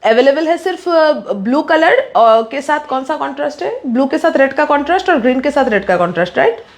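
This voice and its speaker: High-voiced woman rattling off a sales pitch. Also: animated. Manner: rapid, pushy sales patter, mixing English in. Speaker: online saree seller. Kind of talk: live sales stream.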